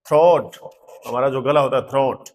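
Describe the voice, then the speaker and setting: A man's voice: medium pitch, normal speed, darkish tone. A man with an Indian accent teaching English pronunciation in a patient manner, spelling out words letter by letter and repeating them. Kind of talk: slow board lesson. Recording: long hall reverb.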